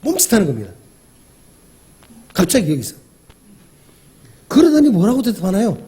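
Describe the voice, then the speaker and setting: A man's voice: high voice, huge pitch swings, moderate pace, dark tone, breathy edge. A male pastor giving a conversational sermon, often asking the congregation questions and acting out the dialogue he describes. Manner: acts out quoted dialogue.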